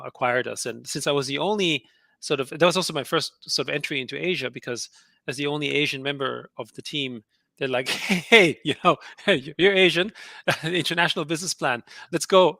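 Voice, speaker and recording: In clean studio sound with no room echo, a middle-aged man from Austria, German his first language, chats through his story as an interview guest entrepreneur, laughing a lot and restarting often among many fillers. His voice is on the high side, creaky, pushed and bright.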